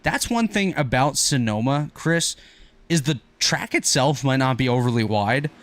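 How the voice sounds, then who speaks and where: Energetic male racing play-by-play caller. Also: medium pitch, no echo. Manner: rapid, energetic play-by-play with quick self-corrections. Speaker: play-by-play commentator. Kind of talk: sim racing commentary.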